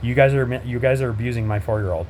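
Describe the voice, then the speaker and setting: Man, direct-to-camera address, blunt, confrontational, halting with fillers, mid pitch, faint room hum. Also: a little mellow. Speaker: host, a father speaking out.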